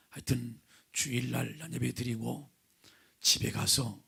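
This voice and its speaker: At the pulpit of a church sanctuary, a middle-aged male pastor gives a sermon that opens with prayer. Vocal nodules make his medium-pitched voice hoarse, raspy and gravelly, pushed and bright, and he often drops to a breathy near-whisper. He frequently poses questions to the congregation.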